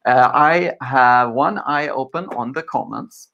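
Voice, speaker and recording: A man in his forties, from Sweden, speaks in a relaxed way at a medium pitch, giving an online tech talk. He keeps stopping on fillers as he moves from point to point. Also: measured pace, creaky, muffled recording. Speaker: conference speaker.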